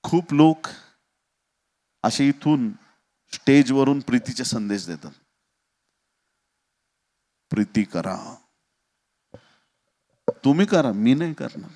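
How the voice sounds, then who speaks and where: A man preaching a sermon as pastor, dramatic, with sudden shouts and acted quotes. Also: mid-range voice, animated, measured pace, long pauses.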